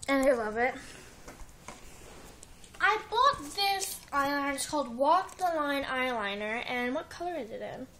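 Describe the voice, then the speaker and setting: A woman's voice: high-pitched, lively intonation, measured pace, bright, forceful tone, slight background noise, rough recording. A teenage girl chatting casually and rambling as she shows off a shopping haul, recorded on a webcam at home. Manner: chatty, giggly, rambling with many likes. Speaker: vlogger. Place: living room at home. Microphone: built-in webcam mic.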